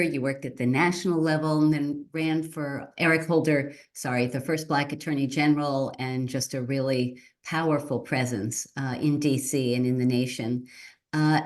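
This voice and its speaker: A middle-aged woman hosts a conversation, her voice sitting low in her range. She praises her guest warmly and asks long, winding questions with the odd "uh". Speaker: host, state senator. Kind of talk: interview.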